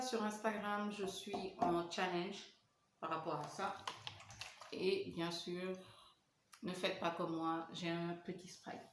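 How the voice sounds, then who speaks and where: A woman in her thirties from Senegal, chatting casually in a mukbang vlog and talking between bites. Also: on the low side. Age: 30s. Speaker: vlogger. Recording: echoey room with faint hiss.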